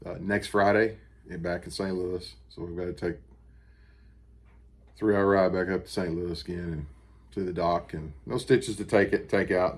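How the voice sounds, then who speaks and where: Deep-voiced American man, plain-spoken. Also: gravelly, breathy edge. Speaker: vlogger recovering from surgery. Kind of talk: casual personal video update. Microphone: camera on a stand with ring light.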